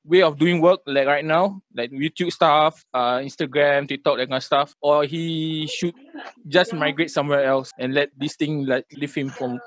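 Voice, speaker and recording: Man, Singaporean accent, Singlish, slightly high voice, casual podcast host, dry close sound. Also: steady tone, normal speed, fairly bright tone, no room sound, rough recording. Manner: colloquial Singlish with particles like lah, ah.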